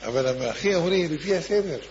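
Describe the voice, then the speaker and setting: A man's voice: a little high, expressive, a little mellow, slight background noise. A man preaching and telling a devout story, repeating himself and restarting phrases, in a slightly muffled recording. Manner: repetitive, with frequent restarts. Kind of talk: sermon storytelling.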